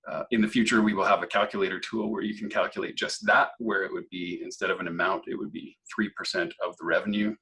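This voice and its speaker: A slightly hoarse man, presenting a software walkthrough webinar and explaining features step by step. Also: sits low, little pitch movement, quick pace, few pauses, rough recording. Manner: explanatory, clears throat often.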